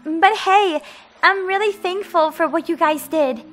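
A woman voicing a fierce, devoted mermaid mother in an animated game story. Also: very high voice, a little slow, soft background music. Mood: grateful, gentle. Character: fierce, devoted mermaid mother seeking her lost daughter.

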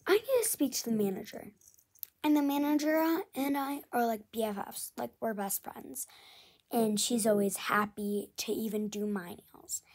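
A woman's voice: fairly high pitch, darkish tone. A young woman telling a casual storytime tale in a rambling way, full of fillers and often half-whispered.

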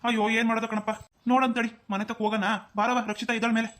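A woman's voice: fairly high pitch, little pitch movement, very fast, a bit bright, close to an everyday voice. A woman voicing a kind but worried middle-aged uncle in a cartoon who frets and fusses. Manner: fretful, fussing, kind. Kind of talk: cartoon voice acting.

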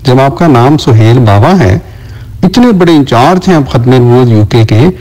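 A man's voice: medium pitch, lively intonation, dark tone, poor audio. A man in a recorded voice message, insistently repeating pointed questions to his opponent. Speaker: debater in voice messages.

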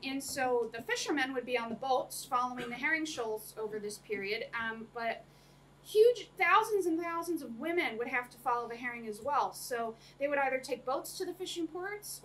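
A young woman lecturer gives a chatty academic talk to a small audience, full of ums and frequent laughter. Her high, slightly bright voice moves at a moderate pace. She's recorded by a camera across a small room with a projector screen, so the distant room mic picks up faint noise.

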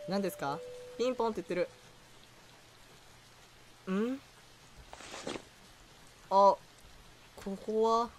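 A man's voice: high-pitched, slight background noise. A man giving let's play commentary while he plays, chatty and easily startled, yelping and repeating words when something frightens him. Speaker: game streamer.

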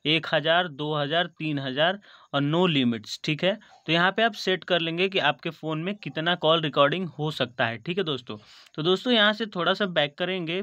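The recording is dull but free of room sound as an Indian-accented tutorial host narrates phone instructions step by step. His bright, forceful voice runs on the high side, and he repeatedly checks that his viewers, whom he calls friends, are keeping up.

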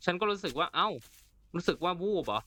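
A man's voice: high voice, very animated, quick pace, bright, forceful tone. A man hosting a let's play of a horror game, reacting chattily and reading the in-game text aloud. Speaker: gaming channel host.

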